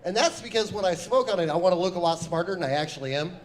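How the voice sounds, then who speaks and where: Forties male comic, high animated voice, loud and laid-back, swearing freely. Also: very fast. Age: 40s. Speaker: stand-up comic. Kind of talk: stand-up comedy set.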